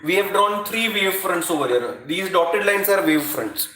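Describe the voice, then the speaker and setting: A man's voice: sits high, lively intonation, moderate pace, sharp tone. A man with an Indian accent lecturing to an online class as a teacher, repeating phrases for emphasis and addressing students directly. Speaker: physics teacher. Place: indoor room at a chalkboard. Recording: echoey room.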